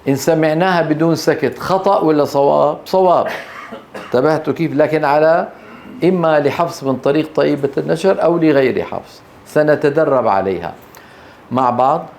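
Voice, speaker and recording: A man's voice: fairly high pitch, fairly quick, creaky, a little mellow, slight background noise. A man with a Levantine Arabic accent lecturing on Quran recitation rules. He keeps checking that his students follow, asking short questions and answering them himself. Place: teaching hall.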